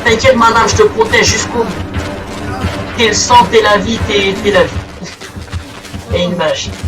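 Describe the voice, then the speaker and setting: A young man giving crude, excitable commentary while he plays a game, swearing often. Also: sits high, a little slow, recorded from a distance, low-quality recording. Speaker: gaming video creator. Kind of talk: playing commentary. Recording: voice set back from the mic, game music behind.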